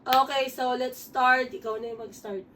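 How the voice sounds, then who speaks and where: A hoarse woman, chatting casually as a vlogger while unboxing gifts at home, switching between English and Tagalog. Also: high voice, steady tone, moderate pace, a bit bright. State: hoarse from a sore throat. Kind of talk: casual gift-unboxing chat. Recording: distant mic, faint room noise.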